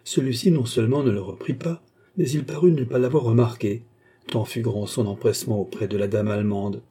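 A man narrating an audiobook in a measured, even reading. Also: medium pitch, husky.

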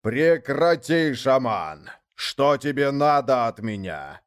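A man's voice: mid-range voice, sing-song, smooth. Man voicing Yarleg, a thundering underworld giant. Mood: furious. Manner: thundering, growling, slow. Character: giant male underworld lord, wrathful, scornful.

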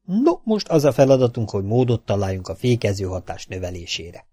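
A calm, decisive spaceship captain gives orders in a storybook reading, as a male narrator puts him on. His voice is lowish and steady. The recording is dry and close. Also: no room sound. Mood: firm. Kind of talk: audiobook character voice.

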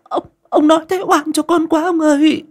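A man's voice: very high voice, fairly even intonation, normal speed, voice pushed up. A man voicing a poor young servant woman who stammers and begs through tears. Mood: tearful pleading. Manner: stammering, begging. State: crying. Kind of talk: audio folk story narration.

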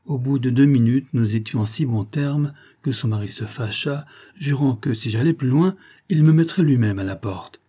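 A man reading a novel aloud in a steady, measured storytelling manner, with a husky voice. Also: mid-range voice. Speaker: audiobook reader. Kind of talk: scripted narration.

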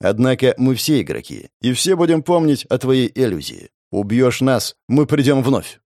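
A man's voice: medium pitch, very animated, normal speed, darkish tone, no room sound, studio quality. A man reading the part of a desperate male guild general who begs in a shaking voice for his daughters' sake. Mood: resigned. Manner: trembling, pleading.

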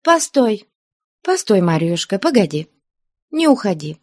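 A woman voicing a good-natured older nun who scolds the convent girls in a high, indignant voice. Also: sing-song, unhurried, darkish tone, no echo, clean studio sound. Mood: coaxing. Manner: scolding, shrill, scandalized.

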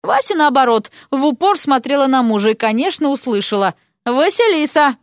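Lively woman reading a story aloud. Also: high-pitched, brisk, no echo, clean studio sound. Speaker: narrator.

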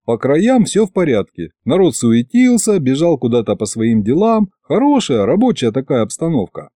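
A male narrator reads a first-person fantasy tale in an audiobook, wry and expressive, with a lively rise and fall in his voice. His tone is mellow and dark, recorded close and dry. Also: medium pitch, moderate pace, no echo.

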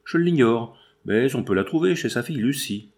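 A man reading the part of a scheming wealthy man who speaks with hushed, tense urgency. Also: mid-range voice, expressive, moderate pace, lightly acted. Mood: anxious. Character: scheming wealthy middle-aged man, fearful.

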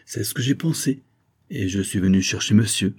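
A man's voice: lowish voice, moderate pace, darkish tone, breathy edge. A man reading aloud, voicing a sly, scheming male servant with a knowing, evasive manner.

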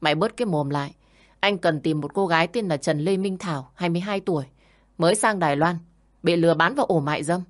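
A woman's voice: lowish voice, fast talker, close to an everyday voice. A woman voicing a curt, commanding wealthy man who is a father.

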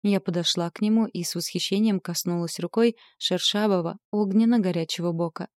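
Female audiobook narrator, low and mellow, expressive first-person fantasy read, dry close sound. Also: brisk, dry recording.

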